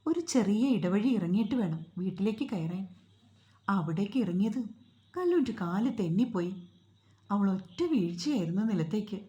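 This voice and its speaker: Mellow-voiced woman telling a story. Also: mid-range voice, expressive, moderate pace, muffled recording. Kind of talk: storytelling narration. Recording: roomy echo.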